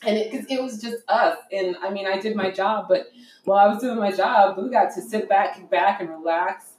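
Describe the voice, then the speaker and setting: A young woman talks casually with her partner and tells stories with plenty of flair, acting out little voices and laughing often. Her voice sits at a middle pitch. It comes through off mic, with a roomy echo around it. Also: brisk, far from the mic, slight background noise. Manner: animated storyteller, acts out voices, laughs often. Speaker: co-host of a couples talk show. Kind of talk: casual chat.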